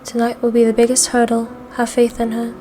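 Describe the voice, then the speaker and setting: A grave male surgeon speaks in measured, professional tones with a put-on accent, played by a woman reading the game aloud. The voice sits slightly high, and faint music plays behind. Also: completely flat delivery, mellow, lightly acted.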